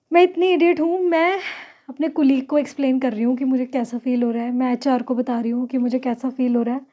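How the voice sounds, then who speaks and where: A young woman talks straight to the camera from her own bedroom, chatty and loose, dropping English phrases into her sentences. Her voice sits high, with a soft, mellow tone. The sound is a little dull and lo-fi. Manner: chatty, mixes English words into her talk. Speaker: vlogger. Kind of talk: casual chat to camera.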